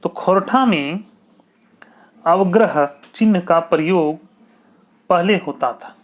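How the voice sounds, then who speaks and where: A man teaching an exam-prep grammar lesson, repeating key points and asking checking questions. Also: sits high. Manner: slow, repetitive, asks checking questions.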